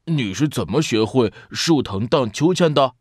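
A man's voice: medium pitch, expressive, moderate pace, slightly rough, no echo, studio quality. A man voicing a boastful, impatient young anteater big brother in a children's storybook reading, scolding and bossy. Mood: grateful.

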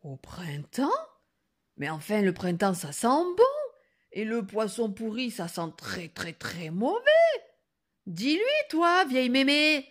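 A woman's voice: mid-range voice, sing-song, measured pace, a little mellow, breathy edge. A woman reading a storybook aloud, voicing a rude, bratty little girl who talks brashly. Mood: baffled. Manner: brash, insulting.

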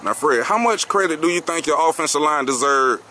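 A man's voice: on the high side, lively intonation, a little fast, pushed and bright, slight background noise. A man interviewing a football coach and players outdoors, formal and saying "yes, sir" after each answer. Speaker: sports interviewer. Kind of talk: postgame interview questions. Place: outdoor football field at night.

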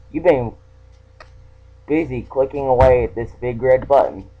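A man's voice: medium pitch, mellow. A man casually playing a game and reading its text aloud in a playful, teasing way. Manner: playful, teasing read-aloud with mock-sinister touches. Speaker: let's play gamer. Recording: dull lo-fi home recording.

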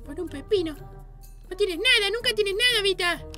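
A bossy, jumpy baby boy narrates his Minecraft build in a very high, squeaky, sparkling voice. Every line is pitched way up and tense with eagerness. Soft children's music plays underneath. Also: moderate pace, exaggerated voice. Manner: squeaky sped-up baby voice, excitable. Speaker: channel host. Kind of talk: Minecraft let's play.

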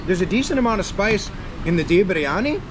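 American male food vlogger, 30s, high voice, excitable and jokey, handheld camera outdoors over loud street noise. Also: quick pace. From United States. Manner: excited, joking, exclamatory. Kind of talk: casual vlog narration. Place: city street outdoors at night. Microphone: action camera held at arm's length.

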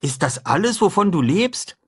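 A man voicing a lively, curious runaway boy who asks eager questions, in an audiobook. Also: high-pitched, moderate pace, slightly rough, voice pushed up, heavily acted.

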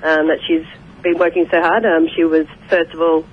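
A woman's voice: low-pitched, flat delivery, moderate pace. A woman speaking by telephone in a radio interview, polite and hesitant with many fillers. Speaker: sports club representative. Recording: muffled phone line.

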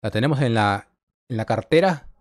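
A man's voice: medium pitch, animated, moderate pace, no room sound, studio quality. A man giving casual let's-play commentary, talking to the game character and to his viewers as he plays. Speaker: gaming video creator.

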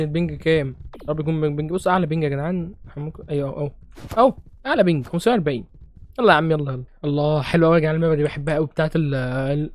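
A young man with an Egyptian Arabic accent giving excitable, joking let's-play commentary while he plays, shouting at other players. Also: fairly high pitch, no echo. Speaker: gaming streamer.

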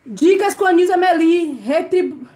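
With a very high-pitched, warm voice and lively intonation, a Brazilian woman keeps a measured pace on her casual live stream. She cleans her home service area while reading comments and greeting viewers by name. The room is echoey, and faint noise runs through it.

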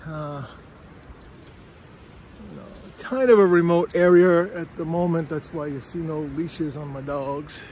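Walking a windy forest trail, a middle-aged man records a casual vlog on a phone at arm's length. He speaks at a measured pace in a voice on the high side and a little mellow, slightly breathless, rambling chattily and often checking "all right?"

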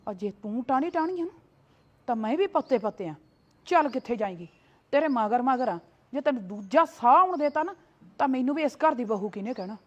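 Woman as a high-pitched, scolding wife, dull lo-fi audio. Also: lively intonation, a little fast, a little mellow. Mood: scornful. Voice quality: scolding, full of sayings. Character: proud, sharp-tongued young married woman, defiant toward her sly sister-in-law. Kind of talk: short family drama.

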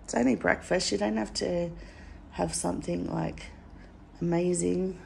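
A woman, chatting casually in a travel vlog with a husky morning voice and frequent laughs. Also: on the low side, steady tone, unhurried, a little mellow, reverberant, a little hiss or hum, low-quality recording. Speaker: travel vlogger. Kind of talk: casual vlog chat and narration.

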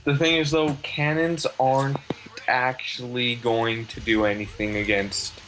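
A man's voice: mid-range voice, little pitch movement, a little slow, a bit bright, soft background music, low-quality recording. Dry-witted young man gaming. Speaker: gamer. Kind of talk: casual gameplay commentary.

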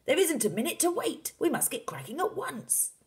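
A woman voicing an excitable, overeager storybook father with urgent, exclamatory delivery. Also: fairly high pitch, normal speed, voice pushed up. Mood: impatient, insistent. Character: excitable, bossy, overeager father hatching grand schemes.

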